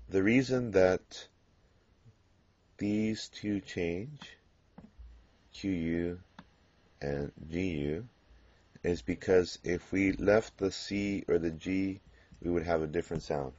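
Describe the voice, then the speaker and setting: A man teaching a Spanish grammar lesson, explaining patiently and pausing on fillers as he works through examples. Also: sits low, darkish tone. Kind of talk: classroom grammar lecture. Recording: dull lo-fi classroom recording.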